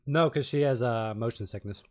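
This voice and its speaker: Male stream host, mid pitch, easy measured race-watching talk. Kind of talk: casual live race-watching chat.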